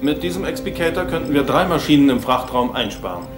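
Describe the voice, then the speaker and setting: A man's voice: a little high, expressive, quick pace, lightly acted. An actor playing a focused, businesslike male starship officer giving terse technical reports in a dubbed science fiction drama. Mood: focused, urgent. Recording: echoey, loud music underneath.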